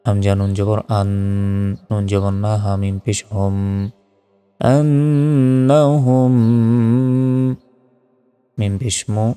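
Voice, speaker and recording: Male Quran reading teacher, methodical, chants verses slowly; low warm voice, long-reverb recording. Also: clear, resonant tone. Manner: patient, methodical, drawn-out chanted recitation of verses. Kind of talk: spelling out and reciting Arabic letter by letter.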